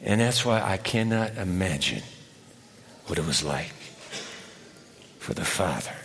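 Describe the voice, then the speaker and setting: An older man preaching a sermon, moving between loud emphatic phrases and hushed, whispered pleas. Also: sits low, animated, unhurried, big-room sound, a little hiss or hum. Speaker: pastor.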